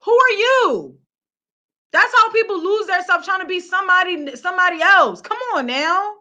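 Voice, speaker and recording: A woman's voice: very high-pitched, expressive, moderate pace, pushed and bright. A young woman with a Philadelphia accent, ranting bluntly to camera in street slang and swearing freely. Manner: reads viewer comments aloud. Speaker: podcast host and vlogger. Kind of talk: casual rant to camera.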